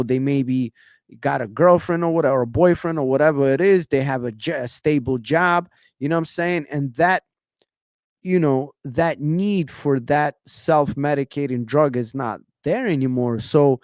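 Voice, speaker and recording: A man's voice: fairly high pitch, darkish tone, no echo, studio quality. A young man from Ukraine hosting a podcast interview, talking in an impassioned way and often tacking on "man" and "you know what I'm saying". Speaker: podcast host.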